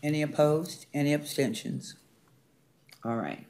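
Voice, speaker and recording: This man leads a formal procedural meeting as board president, reading out agenda items and calling motions and votes. He speaks a little slowly in a somewhat high, slightly mellow voice.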